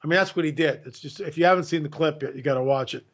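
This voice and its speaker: A man with a high-pitched voice talks as a podcast guest. He speaks emphatically and with strong opinions, repeats words often and slips into mocking impressions of other people. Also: racing.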